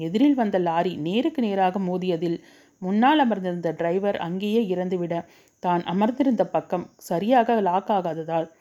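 A woman narrating a dramatic story with a steady, emotive reading. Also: medium pitch.

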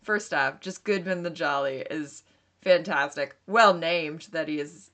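A woman's voice: sits low, a little slow, a bit bright. A woman co-hosting a casual book podcast, talking enthusiastically and filling her sentences with "like". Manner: enthusiastic, filler-heavy. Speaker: podcast co-host.

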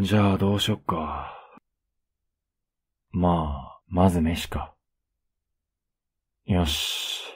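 Whispered role-play, young kansai guy, deep husky voice, slow and blunt but caring. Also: a little mellow. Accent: Kansai Japanese. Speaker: voice actor playing a boyfriend.

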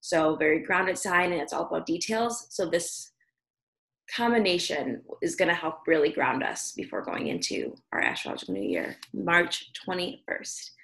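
On a video call, a woman co-hosting a podcast explains astrology in casual chat packed with fillers. Her sleepy, slightly raspy voice is fairly low in pitch yet fairly bright in tone, expressive, and at a normal speed. The audio quality is poor.

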